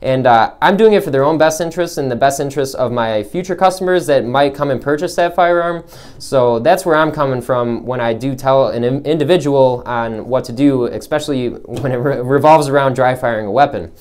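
A man's voice: mid-range voice, brisk, darkish tone. A young man who works as a gun store salesman, talking casually to his viewers in a rambling way, with many fillers and restarts. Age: young adult. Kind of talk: casual vlog talk.

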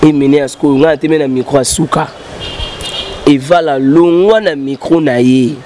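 A musician in his thirties sits for an outdoor interview before a painted backdrop, his slightly high, mellow voice picked up by a handheld mic in the interviewer's hand. He gestures broadly while rambling fast through stories in both French and Lingala. Slight background noise.

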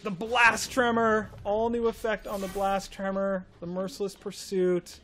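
Man, high voice, excited livestream host, laughs a lot. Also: a little slow. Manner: enthusiastic, laughs often. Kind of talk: excited game update showcase.

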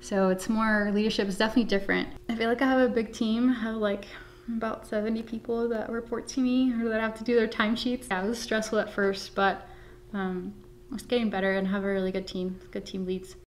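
Woman from guatemala, 30s, kinda flat voice, earnest, faint hum behind. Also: medium pitch, a little fast. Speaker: supervisor. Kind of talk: interview. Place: office with flag and plant.

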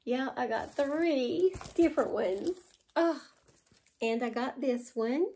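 A haul vlogger in her forties from West Virginia, with a Southern accent, chats casually and gushes over her purchases, laughing often in her living room. The camera is close in front of her. Her voice sits high and warm, she takes it slowly, and there's slight background noise.

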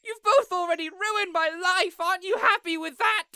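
In a scripted audio roleplay, a man uses a very high, sharp full character voice at a moderate pace. He plays an indignant, insecure young superhero who is whiny, pompous and melodramatic.

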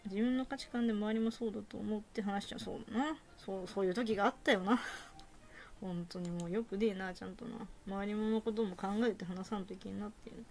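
A woman's voice: medium pitch, fairly even intonation, brisk, darkish tone. A woman giving casual, self-mocking commentary while playing a game. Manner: rough, self-mocking, repeats herself. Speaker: game streamer. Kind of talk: casual live-stream commentary.

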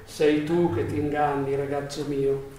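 A man voicing a sly, confident magician in evening dress in a storybook read aloud, in a smooth, assured voice. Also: a little high, level tone, measured pace, dark tone, a little hiss or hum, natural voice. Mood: knowing. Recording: echoey room, voice far from mic.

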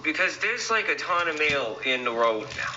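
A man's voice: fairly high pitch, very animated, normal speed, bright, forceful tone, heavily acted. An actor playing a whiny, stammering adult male cop with a New York accent, drunk and rambling in a puppet comedy video. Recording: dull lo-fi audio with faint noise.

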